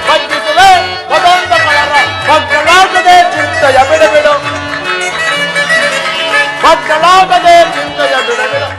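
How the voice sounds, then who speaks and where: A man playing the mighty prince Bhima in a village stage drama, singing drawn-out verses and declaiming to his wife. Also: extremely high pitch, fairly even intonation, heavily acted. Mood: soothing, sung. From Karnataka. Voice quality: sings drawn-out verses, declaims dialogue in bursts. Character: mighty prince Bhima, devoted protective husband. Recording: live stage recording over loud music.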